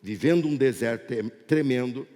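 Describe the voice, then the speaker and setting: A man's voice: medium pitch, normal speed, mellow. A man preaching an impassioned sermon as pastor, asking rhetorical questions. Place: church sanctuary. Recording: long church hall reverb.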